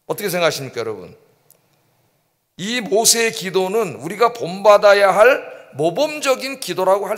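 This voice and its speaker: A man pastor preaching a midweek sermon in an animated way, acting out prayers and questioning the congregation. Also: sits high. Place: church sanctuary. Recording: long church reverb.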